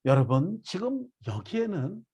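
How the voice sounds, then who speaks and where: A man's voice: high voice, sing-song, a little slow, darkish tone, breathy edge. A male pastor preaching a sermon emphatically, often putting questions to the listeners. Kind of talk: expository sermon.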